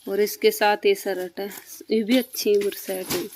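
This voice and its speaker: A woman's voice: mid-range voice, flat delivery, unhurried. A woman chatting to her viewers as friends while vlogging farm and home life. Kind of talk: casual village vlog narration. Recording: noisy outdoor phone recording.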